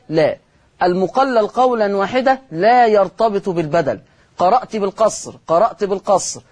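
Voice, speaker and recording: Husky Egyptian sheikh teaching recitation. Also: male voice, high-pitched. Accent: Egyptian Arabic. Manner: repeats key rules, asks and answers his own questions; slows to chant example words. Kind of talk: televised Quran lesson.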